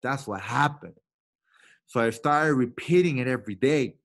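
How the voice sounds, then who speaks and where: A man giving a motivational training talk to a sales team. He is emphatic and repeats himself, swinging between loud bursts and quiet asides. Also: mid-range voice, moderate pace. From Latin America.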